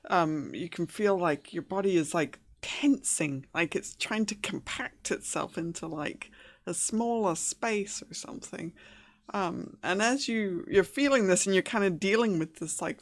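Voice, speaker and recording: Slow, low-voiced woman game master. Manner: hesitant, many fillers. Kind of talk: narrating a tabletop game.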